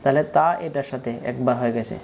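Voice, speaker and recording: A man's voice: medium pitch, fairly even intonation, fast talker, gravelly, darkish tone, a little hiss or hum. A man teaching Quran reading in a patient, repetitive syllable-by-syllable spelling drill. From Bangladesh.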